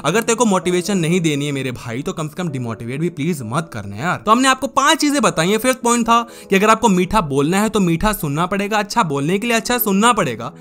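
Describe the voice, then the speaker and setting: A man's voice: high voice, big pitch swings, fast, hardly any pauses, bright, forceful tone, soft background music. A man giving casual self-help advice straight to the viewer, chatty and direct, calling the listener brother. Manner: chatty, addresses viewer as brother, mimics people. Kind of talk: casual Hindi advice talk to camera.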